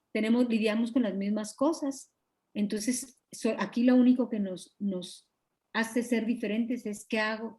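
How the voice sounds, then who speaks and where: A woman, a pastor's wife, teaching a Bible study over a video call with a Guatemalan Spanish accent, earnest and confiding, often clearing her throat. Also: on the high side, mellow. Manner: earnest, confiding, acts out quoted dialogue.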